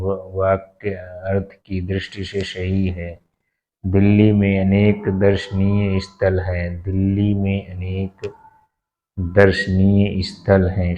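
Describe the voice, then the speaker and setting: A low-pitched man works through exam questions at an unhurried pace and repeats each answer to make sure it sticks. His tone is dark and mellow, with almost no rise or fall in his voice. The recording is dull and lo-fi. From India. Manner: slow and methodical, repeats each answer word for word. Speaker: teacher. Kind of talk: exam-prep lesson, reading out questions and answers.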